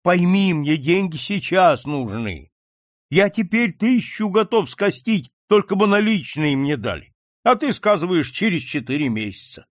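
A man's voice: high voice, animated, measured pace, dry recording, clean studio sound, voice pushed up. A man reading an audiobook, voicing an exasperated older male captain who scolds a begging merchant. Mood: scolding. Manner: scolding, incredulous.

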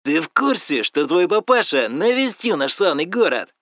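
A man voicing a furious, beaten-up young man in audiobook dialogue, shouting insults and ranting. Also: on the high side, very animated, moderate pace.

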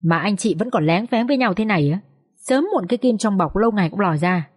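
A woman voicing a stern older village man who scolds bluntly and briskly, in a breathy voice. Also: mid-range voice, animated, darkish tone.

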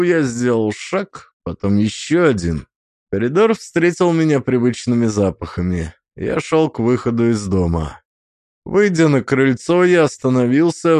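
A man reading a first-person audiobook in a measured, expressive way. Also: medium pitch, dry recording, clean studio sound. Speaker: audiobook narrator. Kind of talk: scripted first-person narration.

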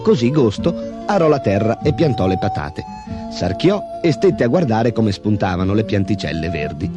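A man narrating a fairy tale in an expressive, animated way. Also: lowish voice, normal speed, over music. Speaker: storyteller.

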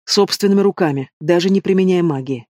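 A man's voice: high-pitched, fairly quick, dark tone, dry recording, studio quality, natural voice. A man voicing a desperate, fierce young dragon-shifter in an audiobook, speaking urgently. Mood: menacing. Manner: urgent, whispering then roaring. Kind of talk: audiobook reading.

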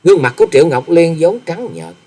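A man narrating a novel as an audiobook in an expressive storytelling manner. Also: on the high side, fast talker, breathy edge.

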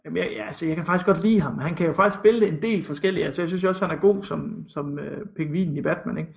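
Chatty man with a higher voice. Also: vocal fry, dull audio. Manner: chatty, tags remarks with questions. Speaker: podcast co-host. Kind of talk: casual film chat.

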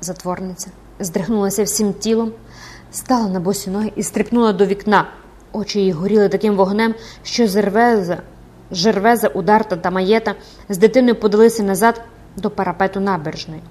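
A woman narrating an audiobook of a classic novel in a dramatic, expressive manner. Her voice sits at a middling pitch, and she reads with measured drama.

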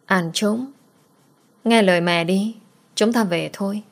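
A woman voicing a grieving young mother who gently coaxes her daughter. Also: medium pitch, a little slow, lightly acted. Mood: coaxing.

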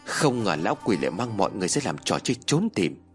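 A man's voice: on the low side, big pitch swings, fast talker, soft background music. A man voicing a stern male exorcist who speaks in warning tones.

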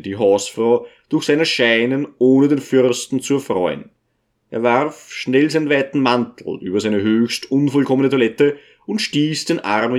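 A man reading a novel aloud as scripted narration, in a measured, steady way. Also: medium pitch. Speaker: audiobook reader.

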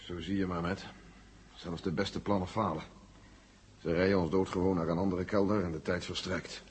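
A man's voice: deep voice, flat delivery, normal speed, natural voice. A man acting a grave, cautious general with an authoritative manner in a 1970 Dutch radio drama. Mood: gloomy. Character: grave, dutiful male general, cautious and reluctant. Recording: faintly noisy 1970 radio tape.

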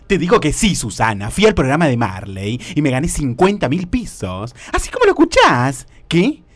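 A man's voice: wildly swooping pitch, moderate pace, no echo. Guy doing a nagging argentine señora, voice swooping way up and down, dead dry sound. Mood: gossipy. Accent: Rioplatense Argentine. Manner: shrill, nagging, melodramatic, gossipy. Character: brash scolding middle-aged woman restaurant owner. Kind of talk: radio comedy sketch.

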